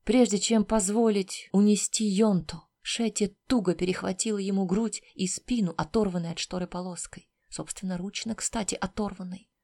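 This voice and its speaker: A woman's voice: medium pitch, steady tone, normal speed, hardly any pauses, mellow, no room sound. A woman narrating a first-person fantasy audiobook with emotional, breathless storytelling.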